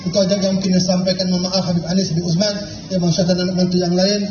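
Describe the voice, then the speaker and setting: A man preaching at a religious gathering, chanting Arabic verses slowly. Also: high-pitched, flat delivery, background noise. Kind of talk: sermon storytelling. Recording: echoey hall with muffled sound.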